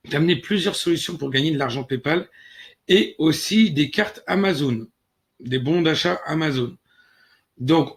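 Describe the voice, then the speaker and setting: A man hosting an online tutorial channel, speaking casually and directly to the viewer, with frequent hesitations and restarts as he walks through a website. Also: fairly high pitch. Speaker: channel host. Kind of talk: casual screen-recorded tutorial.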